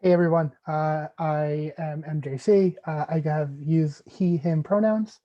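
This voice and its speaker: A man's voice: a little high, fairly even intonation, measured pace. A man in his thirties from the US introducing himself as a game player, jokey with a few uhs. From United States. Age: 30s. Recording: muffled lo-fi call audio.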